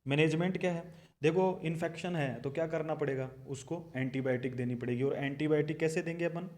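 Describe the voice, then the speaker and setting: A man's voice: fairly high pitch, brisk, a little mellow. A young man with an Indian accent teaching nursing exam material, asking questions and answering them himself. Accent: Indian English. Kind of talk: recorded lecture.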